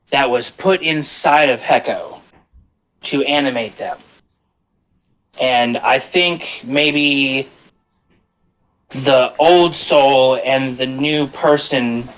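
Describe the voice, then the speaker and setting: A man playing a tabletop game, describing his character's looks and actions in a deliberate way. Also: mid-range voice, a bit bright, low-quality recording. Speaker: player.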